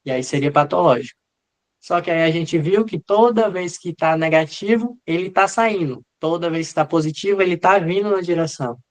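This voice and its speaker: A man's voice: a little high, moderate pace. A man teaching a live online class in an informal way, answering students by name and acting out what the leads are saying. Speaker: medical lecturer.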